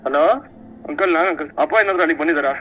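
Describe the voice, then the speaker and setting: A man's voice: a little high, very fast, lo-fi sound, a little hiss or hum, natural voice. A man playing a worried son in a TV serial, urgently asking about his missing father. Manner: urgent, pleading. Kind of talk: TV serial acting.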